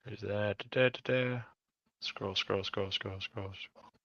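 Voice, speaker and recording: A man's voice: on the low side, fairly even intonation, takes it slowly, gravelly, fairly bright tone, no room sound, highs cut off. A man hosting a live stream, reacting to a clip in a casual, blunt, profane way. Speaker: live stream commentary host.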